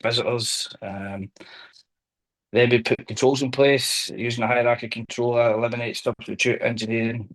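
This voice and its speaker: A man with a Glaswegian accent, talking through his workplace training and risk assessment work in an interview, hesitant with many pauses and restarts. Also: medium pitch, a bit bright, poor audio. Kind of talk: conversational professional discussion.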